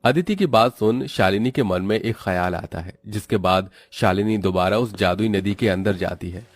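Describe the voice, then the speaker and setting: A man narrating a cartoon story in a steady, explanatory storytelling manner. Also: on the low side, normal speed, no room sound, clean studio sound.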